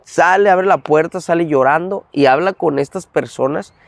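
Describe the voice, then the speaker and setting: A man with a Mexican accent, a guest in an interview recounting a personal testimony in an animated way, acting out the dialogue. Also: on the high side, normal speed, vocal fry, dry recording. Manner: animated, acts out dialogue in retelling. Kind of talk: storytelling testimony.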